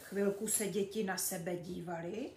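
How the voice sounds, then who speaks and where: A woman reading a children's book aloud, expressive and storytelling, in an echoey room. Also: medium pitch, slight background noise. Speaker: reader.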